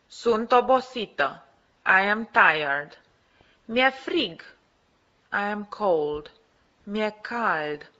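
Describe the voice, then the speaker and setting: Brief: woman, bright voice with lively pitch, slow phrase-by-phrase lesson reading, dull lo-fi audio. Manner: clear, measured reading of short phrases. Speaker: language teacher. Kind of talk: bilingual phrase drill, read slowly.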